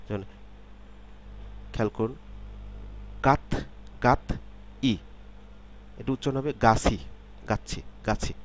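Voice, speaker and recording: A man's voice: medium pitch, steady tone, takes it slowly, pauses often. A man giving a step-by-step pronunciation lesson, repeating each example sound several times and asking checking questions. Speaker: language teacher.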